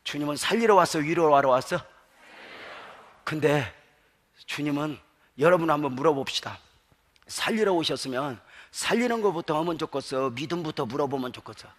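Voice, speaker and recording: A male pastor preaching a sermon. He moves from hushed storytelling to shouted exhortation and calls on the congregation to answer aloud. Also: on the high side, animated, moderate pace, pauses often. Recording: long hall reverb.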